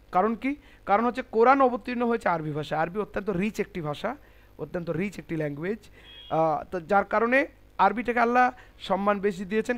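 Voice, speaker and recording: A male teacher with a fairly high voice guides an online class through pronunciation. He is patient and methodical, repeating each point and drilling syllables slowly.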